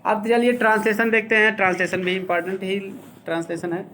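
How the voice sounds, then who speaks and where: Guy teaching english grammar, slow explaining, asks "clear?" a lot. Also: high voice, flat delivery, bright, forceful tone, a little hiss or hum. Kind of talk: classroom grammar lesson.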